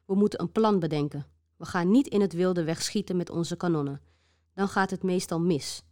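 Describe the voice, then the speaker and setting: A calm, clever admiral from a children's story, read by a woman in a fairly low voice. He instructs his crew plainly and steadily. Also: moderate pace, no room sound, clean studio sound, lightly acted. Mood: instructing.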